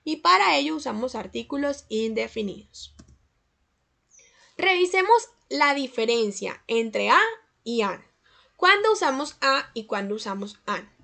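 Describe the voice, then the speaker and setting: High, gravelly-voiced woman teaching grammar. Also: lively intonation, sharp tone. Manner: slow, careful enunciation of English example sentences. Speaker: English teacher. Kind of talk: scripted grammar lesson narration.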